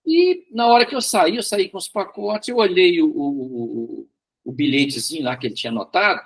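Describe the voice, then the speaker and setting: Man, Bible study teacher, high voice, husky, chatty storytelling with repeated words. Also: expressive, normal speed. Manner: repeats words, frequent tag questions.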